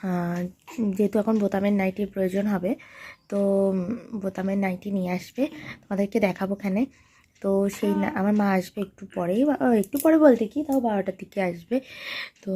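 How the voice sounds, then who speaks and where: A woman's voice: mid-range voice, dark tone. Chatty woman vlogging at home. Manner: chatty, addresses viewers directly, many fillers. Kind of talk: casual vlog narration to viewers. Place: home, indoors. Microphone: phone camera held by the speaker.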